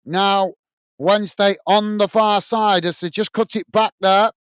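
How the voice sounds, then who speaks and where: Unhurried and steady, this British-accented fan-channel commentator narrates a live watch-along, calling the viewers "guys." The close, dry recording has no room sound, capturing his high, smooth, clear voice as it tires and grows a little hoarse.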